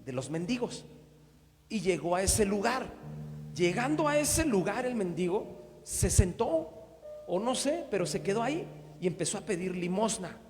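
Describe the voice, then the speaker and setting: A man's voice: sits high, animated, moderate pace, a little mellow. A man preaching a sermon, often checking in with the congregation. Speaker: pastor. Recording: long hall reverb with faint instrumental music.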